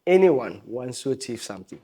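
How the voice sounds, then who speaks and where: His voice is husky and medium-pitched, a little fast, as this South African guest musician chats on a relaxed podcast. He's animated and emphatic, repeating phrases and laughing a lot.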